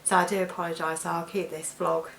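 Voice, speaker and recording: A British woman with a croaky, allergy-affected voice, chatting casually to camera as a weight loss vlogger. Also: fairly low pitch, little pitch movement, brisk. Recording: echoey room with background noise.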